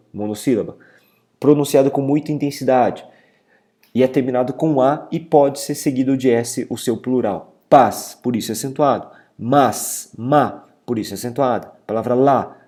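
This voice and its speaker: A man teaching a video lesson, explaining step by step and stressing syllables loudly. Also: medium pitch. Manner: says "beleza?" and "galera" often.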